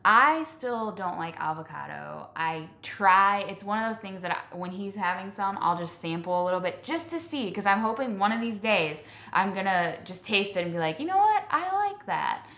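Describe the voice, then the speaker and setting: A woman's voice: mid-range voice, moderate pace, few pauses, sharp tone. A woman co-hosting a food vlog, chatting casually with many ums and likes. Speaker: vlog co-host. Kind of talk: casual chat. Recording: echoey room.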